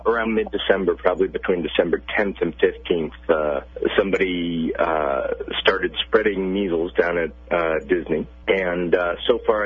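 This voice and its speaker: Deep husky man on a phone line. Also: dry recording. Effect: heard over a phone line. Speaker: pediatrician interviewed as a guest. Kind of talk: radio interview, explaining plainly. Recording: tinny phone line on radio.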